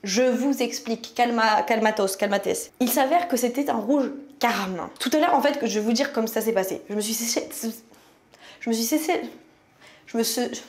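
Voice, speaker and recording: A young woman from France chatting casually to camera in her bathroom at night, slangy and animated with viewers. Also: on the high side, normal speed. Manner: chatty, slangy, addresses viewers as "les gars". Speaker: YouTuber.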